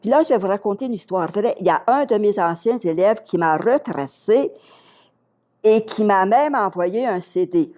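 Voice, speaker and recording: A woman's voice: medium pitch, moderate pace. An older woman with a Québécois accent, a retired teacher telling a story as an interview guest and acting out the dialogue in it. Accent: Québécois French. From Quebec. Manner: lively storyteller, acts out dialogue.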